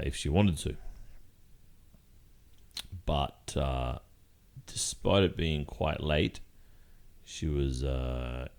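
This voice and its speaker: A man playing a guilty boyfriend in an ASMR role-play, speaking haltingly and carefully with long pauses. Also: a bass voice, exaggerated voice. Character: hesitant guilty boyfriend confessing, soft and careful.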